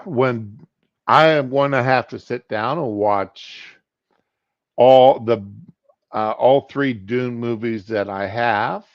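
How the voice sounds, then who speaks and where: Slow-talking man, just woke up. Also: lowish voice. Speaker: live stream host. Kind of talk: casual rambling live stream commentary. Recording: boxy echoing room, dull sound.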